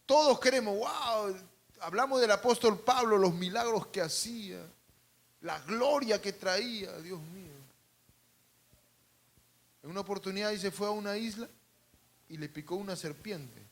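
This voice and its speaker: A man preaching a sermon to a congregation, calling out for responses, adding humorous asides, and swinging between loud and hushed. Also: high voice, a little slow, gravelly, long pauses. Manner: calls out to the congregation and asks for responses. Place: church service.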